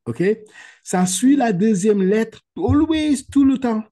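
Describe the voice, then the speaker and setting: Man, Quran reading teacher, warm voice, patient step-by-step explaining, video call. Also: very high-pitched, animated. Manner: slow, drawn-out recitation of Arabic words for repetition. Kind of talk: one-on-one lesson over video call.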